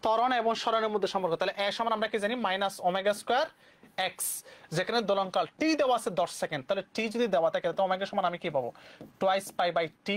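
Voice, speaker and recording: A young man from Bangladesh with a Bangladeshi Bengali accent, teaching physics exam questions briskly and mixing English terms into his speech. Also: sits high. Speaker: physics tutor. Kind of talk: exam-prep lesson.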